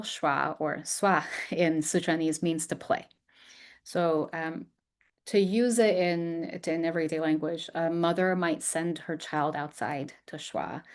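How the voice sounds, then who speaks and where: A woman with a somewhat low voice delivers an academic lecture as a researcher. She speaks thoughtfully, pausing on ums and restarting phrases as she works through her ideas. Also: a little mellow. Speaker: researcher giving a talk.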